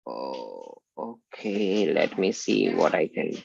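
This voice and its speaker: Deep-voiced woman teacher quizzing her class over a muffled video call that keeps breaking up. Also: very animated, slow pace, gravelly, darkish tone, slightly rough, no room sound. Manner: quizzes students with frequent questions. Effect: choppy video-call audio that keeps cutting out. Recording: dull lo-fi choppy call audio.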